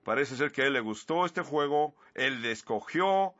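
A man's voice: medium pitch, animated, normal speed, a bit bright, no echo. A man preaching a sermon, earnestly retelling scripture with asides, on a slightly muffled recording.

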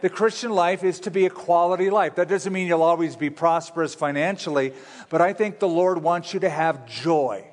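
A long reverb of a large hall surrounds a man's somewhat high voice. He preaches at a pulpit microphone as a pastor, explaining scripture in a conversational, teaching style. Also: normal speed. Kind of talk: sermon, expository Bible teaching.

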